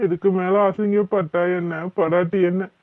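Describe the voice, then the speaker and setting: A woman doing a weary, flat-voiced old village father. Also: on the low side, normal speed, no echo, close to an everyday voice. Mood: dejected. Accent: southern Tamil (Thoothukudi). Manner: weary, despairing. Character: dejected aging village father. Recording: tinny phone-like cartoon audio.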